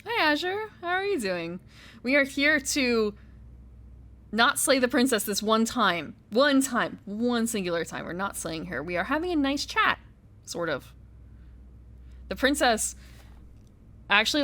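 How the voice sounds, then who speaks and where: A woman's voice: medium pitch, fairly bright tone. A woman giving chatty, playful live commentary as she plays a video game. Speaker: game streamer. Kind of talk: casual live playthrough commentary.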